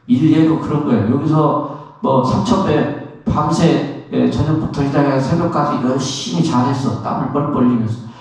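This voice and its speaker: A Korean Buddhist monk giving a lively dharma talk to an audience. He acts out everyday complaints and asks the listeners questions. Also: a little high, normal speed. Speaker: Buddhist monk, temple abbot. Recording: very echoey, from far off.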